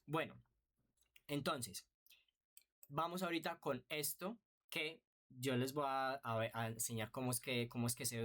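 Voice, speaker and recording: A man's voice: mid-range voice, a bit bright. A man teaching an online music theory lesson, patient and explanatory, often checking in with rhetorical questions.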